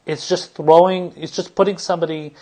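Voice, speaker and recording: A man's voice: a little high, steady tone, a little fast, warm tone. A man hosting a political commentary podcast, talking in a rambling way with many restarts, fillers and casual swearing. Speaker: podcast host.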